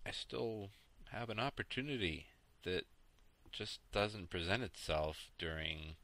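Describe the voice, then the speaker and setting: A man in his thirties hosts a casual gaming podcast late at night, sounding tired and rambling. His voice is sharp and bright but sits a bit low, recorded very dry and close. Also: expressive, a little slow, no room sound. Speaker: podcast host. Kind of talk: casual solo podcast chat about games.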